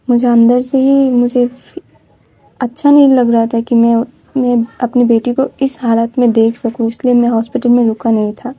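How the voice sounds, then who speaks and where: A woman's voice: a little high, mellow. A woman narrating a story in a casual, chatty way, with frequent restarts.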